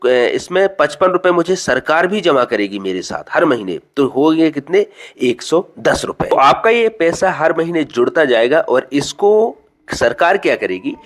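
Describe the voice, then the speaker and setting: A man giving a casual spoken tutorial that explains a government scheme, chatty, repeating and rephrasing his points with fillers. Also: on the high side.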